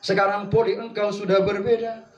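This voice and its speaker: An older husband teases his wife in a soft, mock-tender drawl, as a preacher acts him out. His voice drops lower than the preacher's own. It is heard from a distance in an echoey hall. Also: little pitch movement, brisk, dull audio, faint music behind, natural voice. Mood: teasing.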